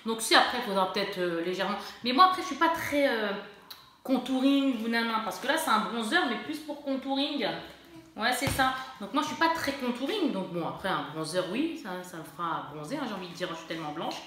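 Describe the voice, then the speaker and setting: A woman's voice: on the high side, animated, brisk, pushed and bright, slight background noise. A woman vlogging a casual shopping haul, chatty and self-mocking, often searching for her words. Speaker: beauty vlogger. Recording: very echoey room.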